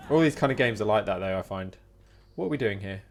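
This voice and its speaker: A man's voice: lowish voice, animated, fast talker. A man streaming a game live, talking casually and greeting chat viewers by name, with game music behind him.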